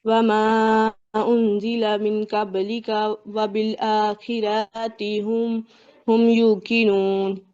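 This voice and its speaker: A woman student on a video call, reciting after her teacher in a very slow, careful, even way. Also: medium pitch, clean tone. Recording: muffled video-call audio.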